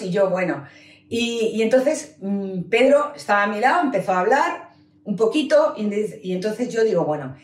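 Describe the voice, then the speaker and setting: A woman's voice: medium pitch, far from the mic. A woman with a Peninsular Spanish accent tells her personal story to a seminar audience, earnest and talking straight to her listeners. Her voice sits in the middle range and sounds roomy, caught by a mic set some way off. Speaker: business seminar speaker. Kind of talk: personal testimony talk to an audience.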